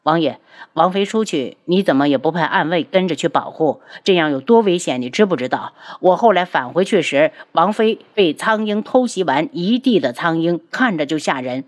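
A woman's voice: low-pitched, animated, normal speed. A woman voicing a blunt, loyal male soldier in an audiobook, speaking resentfully. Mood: defiant.

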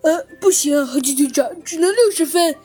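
A woman voicing a playful, scheming little chick child in a children's story, talking fast and pleading. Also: high voice, expressive, mellow, soft background music. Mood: stubborn.

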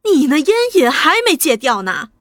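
A woman's voice: high-pitched, sing-song, normal speed, a bit bright, dry recording, studio quality. A woman voicing a stern village mother who scolds in an exasperated way in a storybook reading. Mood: scolding. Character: stern rural mother, scolding but soft-hearted.

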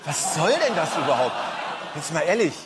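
A man's voice: a little high, sing-song, normal speed. A man voicing an exasperated German man who laughs and exclaims in disbelief.

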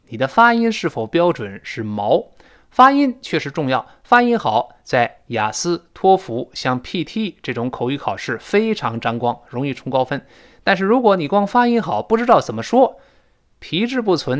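A man teaching spoken English, explaining phrases in a lively way and reading English lines slowly and clearly. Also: medium pitch.

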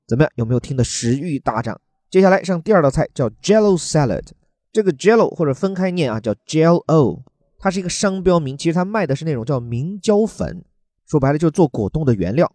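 A man's voice: on the high side, warm tone, no room sound. A man from China, teaching English words from a news article in a chatty, joking way and spelling words out letter by letter.

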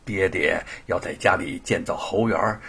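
A man voicing a kind mother who speaks gently and soothingly. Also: deep voice, a little slow, gravelly, breathy edge, pitched below the performer's own voice, heavily acted.

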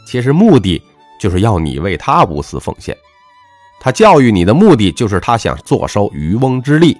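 A man giving a motivational monologue with a personal story, talking emphatically in a lecturing way and letting his phrases drop low at the end. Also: no echo. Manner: emphatic, lecturing, swings between punchy highs and dropped low endings. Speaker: self-help speaker.

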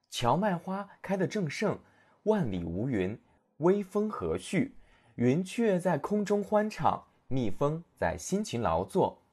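A man narrating a fairy tale for children as the show's storyteller, in a husky voice with a swooping, animated delivery. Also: medium pitch.

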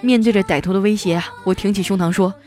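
A woman hosting a comedy show, telling scripted joke stories in a lively way and putting on voices for the characters. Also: mid-range voice, fast, soft background music. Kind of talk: scripted comic storytelling.

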